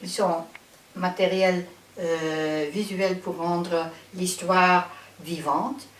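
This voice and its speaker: A native Dutch-speaking woman with a Flemish accent, presenting an instructional introduction in careful, halting non-native phrasing. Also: lowish voice, fairly even intonation. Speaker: psychotherapist trainer and presenter. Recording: roomy, distant microphone with faint hiss.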